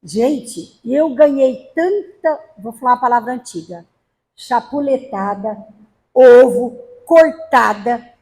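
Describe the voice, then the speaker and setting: Brief: high-pitched woman lecturer from Brazil, humorous storyteller. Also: takes it slowly, dark tone. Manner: storytelling with acted quotes and humor. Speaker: spiritist lecturer. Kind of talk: spiritist talk to a gathering. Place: spiritist center hall.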